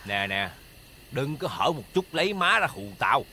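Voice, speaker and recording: An actor playing an arrogant, abusive eldest son in a TV drama, with a Southern Vietnamese accent and a harsh, bullying manner. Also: male voice, mid-range voice, sing-song, moderate pace, bright, forceful tone, breathy edge, exaggerated voice. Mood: furious. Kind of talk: TV drama acting. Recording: music playing behind.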